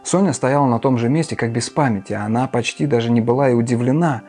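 Male audiobook narrator, mid-pitched, measured expressive reading over faint music. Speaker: audiobook reader.

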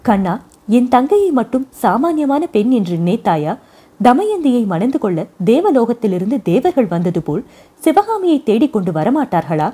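A woman voicing a spirited young wife in a storybook reading, speaking in an animated way. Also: on the high side, moderate pace, slightly rough. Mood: proud. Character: young wife, spirited and proud of her sister.

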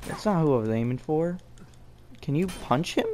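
A young man giving jokey, excitable, self-mocking commentary while playing a game. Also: on the high side, moderate pace, slight background noise. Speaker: gameplay commentator. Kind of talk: let's play commentary.

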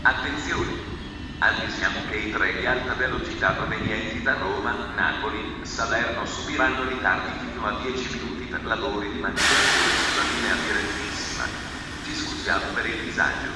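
Station PA voice: low-pitched man, formal measured announcements over a loudspeaker, heard from far off in a big echoing hall with train noise. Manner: formal, evenly paced announcements. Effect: public address loudspeaker.

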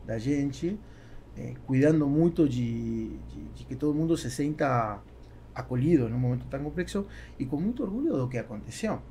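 Here the same kind of guest speaks: a middle-aged Spanish-born business executive on a podcast, answering questions in Spanish-accented Portuguese and frequently hunting for words. His mid-range voice is warm, with lively intonation at a normal speed. A close boom-arm microphone in a small foam-treated studio picks him up, along with slight background noise.

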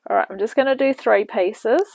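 A woman's voice: a little high, fairly quick, vocal fry, a little mellow, slightly rough, no room sound, poor audio. A woman hosting a home cooking demonstration, talking casually with rambling asides as she works, heard from a camera in a home kitchen. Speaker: cooking show host. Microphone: camera mic, off-screen speaker at the bench.

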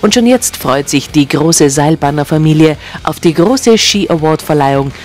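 A man reading a scripted news voice-over in an upbeat, measured tone. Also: a little high, expressive. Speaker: news narrator. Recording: narration over music and crowd chatter. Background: music and crowd noise.

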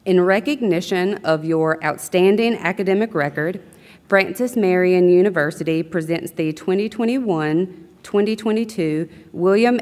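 A young woman presenting an academic award, reading clearly from a script into a podium microphone in a large arena. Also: fairly low pitch, a little mellow. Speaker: university vice president presenting an award. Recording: long reverb of a large hall.

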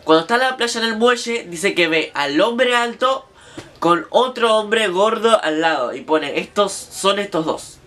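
A man's voice: sits high, animated, a little slow, pushed and bright. A young man with an Argentine accent, casually recounting a story to his viewers in a chatty, slangy way. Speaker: vlogger.

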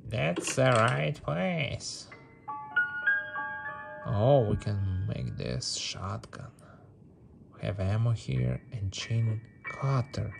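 Fairly low in pitch and full of vocal fry, this man talks extremely slowly with long pauses. He's a mobile game streamer whose casual commentary is playful and repetitive, phrased in non-native English, with game music playing.

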